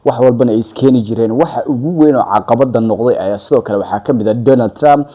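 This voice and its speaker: A Somali man gives news commentary in a very dark, mellow voice. He talks quickly and wordily, circling back to rephrase his points. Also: medium pitch, lo-fi sound.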